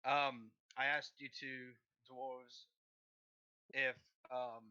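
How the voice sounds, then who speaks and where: A man's voice: mid-range voice, little pitch movement, very slow, pushed and bright, lo-fi sound. A man playing in a tabletop role-playing game, talking bluntly and sarcastically. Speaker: player. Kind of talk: casual tabletop game chat.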